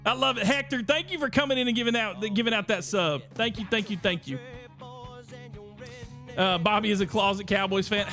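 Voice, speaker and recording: Bright high-voiced man. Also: fairly quick, soft background music. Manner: energetic, reads chat aloud. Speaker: podcast host. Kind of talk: casual livestream chat.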